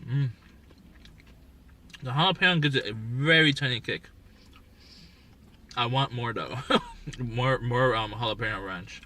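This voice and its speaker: A man's voice: medium pitch, a little slow, pauses often, sharp tone. A man hosting a casual live stream, chatting offhand with viewers and talking with his mouth full. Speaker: livestream host. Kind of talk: casual live-stream chat while eating. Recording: distant mic with faint background noise.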